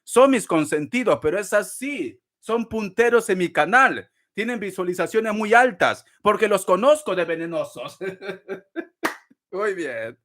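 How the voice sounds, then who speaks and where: A man with a high, light voice hosts a live tarot reading. He teases his viewers, calls them darling, and breaks into frequent laughter. His delivery is dramatic and chatty. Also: lively intonation, a little slow, a bit bright. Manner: laughs often between phrases. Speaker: tarot reader.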